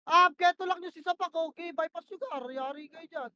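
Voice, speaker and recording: Very high-pitched woman calling game plays. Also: fairly quick, dry recording. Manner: barks short repeated commands, swears when frustrated. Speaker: team shotcaller in a tactical shooter match. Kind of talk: rapid in-game voice comms.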